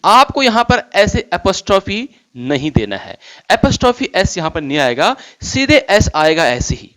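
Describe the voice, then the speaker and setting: Lively high-voiced teacher. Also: male voice. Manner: slow, deliberate reading of English example sentences; asks and answers his own questions. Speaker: English teacher. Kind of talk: grammar lesson in Hindi with English examples.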